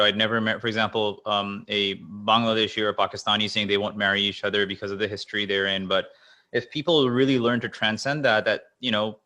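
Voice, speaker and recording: A man's voice: fairly low pitch, sharp tone. A man explaining casually in a group discussion, with frequent false starts and filler words. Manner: many false starts, uses "like" often.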